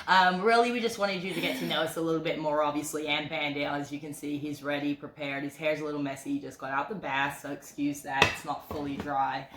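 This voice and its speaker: A woman's voice: deep voice, flat delivery, quick pace, few pauses. A woman in her thirties chatting casually on a couple's home vlog, joking and rambling with lots of fillers. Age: 30s. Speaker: co-host. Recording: echoey room with faint noise.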